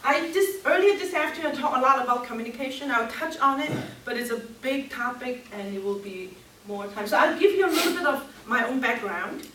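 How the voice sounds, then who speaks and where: A woman in her fifties from Hong Kong, her Cantonese accent clear, speaks in a high, expressive, slightly bright voice at a somewhat fast clip. She is giving a live seminar talk as a workshop speaker and questions her audience as she goes. A distant mic in the echoey room adds a little hiss or hum.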